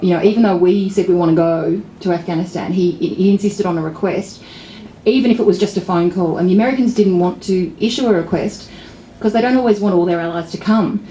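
This middle-aged Australian woman has a mellow voice on the low side and talks fairly quickly, presenting as a political journalist at a pub function with an audience. Using a stand mic, she is wry and considered, frequently restarting and filling pauses. The recording has a roomy feel and faint ambient sound.

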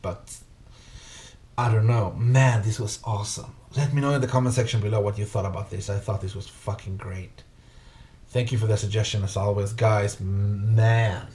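A man's voice: fairly low pitch, fairly even intonation, moderate pace, darkish tone. A man in his thirties giving casual, enthusiastic, sweary reaction commentary as a video host. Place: small home music room, indoors.

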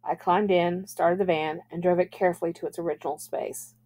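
A woman teacher reading a novel aloud to a class at a measured, even pace. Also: fairly low pitch.

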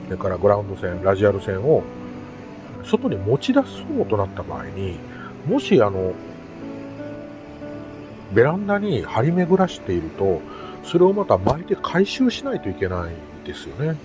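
A middle-aged Japanese man, an amateur radio hobbyist vlogger, talks casually to camera in a lowish voice with huge pitch swings at normal speed. He's easygoing, rambling, and self-deprecating, with music in the background.

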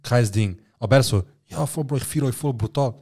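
A man with a mid-range voice co-hosts a relaxed podcast chat. He tells slangy stories and acts out the exchanges in them. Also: mid-range voice, fairly quick, husky. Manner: slangy, relaxed storyteller with acted quotes. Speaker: podcast co-host. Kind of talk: casual chat, storytelling.

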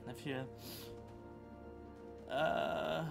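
A man streaming a video game live, chatting excitably and profanely with his viewers and friends. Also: fairly high pitch, very slow, gravelly, over music. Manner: excitable, profane, bantering with chat. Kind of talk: casual live-stream chat while gaming.

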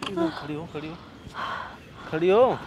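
Worried insistent high-voiced man. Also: sing-song, measured pace. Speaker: prank target. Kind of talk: casual home video talk. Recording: noisy home video recording.

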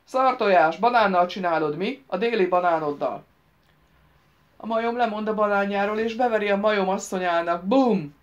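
A woman voicing rowdy drunken teenage boys in an audiobook, loud and mocking. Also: mid-range voice, animated, muffled recording, lightly acted. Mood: jeering.

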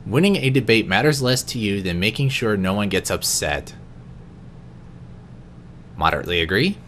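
Low-pitched man reading quiz questions. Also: slight background noise. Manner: reads each question aloud, then answers in a lower, quieter voice; occasional stumbles and restarts. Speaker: vlogger. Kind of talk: unscripted reading of a quiz aloud.

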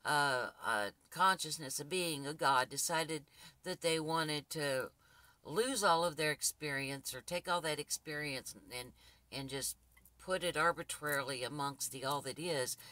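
A woman with a husky, gruff, dark voice, hosting her channel and talking casually to viewers with rambling restarts and fillers. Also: low-pitched, unhurried, no echo. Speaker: spiritual channel host.

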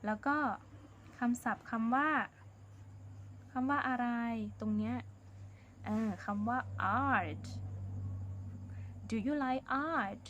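A woman's voice: a little high, slow pace, pauses often, a bit bright, highs cut off, a little hiss or hum. Patient Thai woman teaching young pupils. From Thailand. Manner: patient, repeats herself, coaxing fillers. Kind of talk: explaining a worksheet to young pupils.

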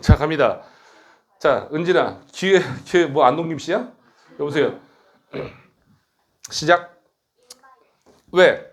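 A middle-aged man who runs his own academy teaches a grammar lecture, brisk and blunt, teasing his students and tacking on quick questions. His voice is fairly high and animated.

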